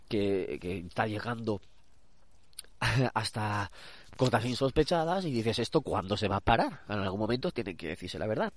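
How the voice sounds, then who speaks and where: A man's voice: medium pitch, darkish tone, dry recording. A man with a Castilian Spanish accent hosting a casual podcast in a nasal voice, stuffed up with a cold, rambling and correcting himself as he chats. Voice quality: nasal, congested voice. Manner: rambling, hesitant, self-correcting. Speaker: podcast host. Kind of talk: casual chatty podcast recommendation. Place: out walking a dog.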